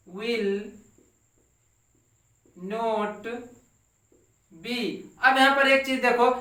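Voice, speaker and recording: An English teacher explaining grammar in a translation lesson, dictating each sentence slowly word by word and ending with a checking question. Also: medium pitch, sharp tone, recorded from a distance. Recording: echoey room, voice away from the mic.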